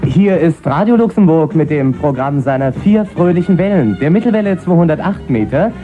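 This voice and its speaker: A higher-pitched male announcer runs briskly through a formal station identification. His voice comes through thin and tinny, as if from an old AM radio set, with faint music playing underneath. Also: expressive. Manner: crisp, brisk announcer delivery. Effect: old AM radio broadcast sound.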